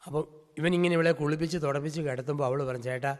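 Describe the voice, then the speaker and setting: A male priest delivers a storytelling sermon in a fairly high voice, stacking up vivid scenes in rhythmic lists. His words ring out with a long reverberant tail, as if recorded in a large hall. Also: fairly even intonation, rapid-fire.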